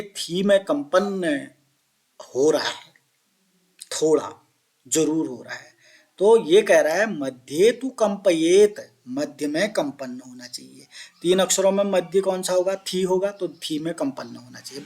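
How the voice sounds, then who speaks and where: A man teaching Sanskrit pronunciation, explaining each point and chanting example words slowly while asking his pupils questions. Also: high voice. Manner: addresses listeners as children. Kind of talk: classroom explanation of Sanskrit phonetics.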